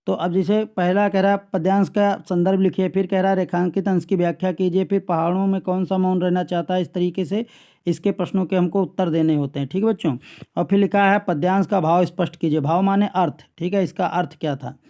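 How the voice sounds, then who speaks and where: Going through an exam paper one step at a time, a male teacher keeps checking in with his students and often says "theek hai bachchon." He speaks fairly quickly in a high, mellow voice with fairly even intonation, and the recording is dull and lo-fi.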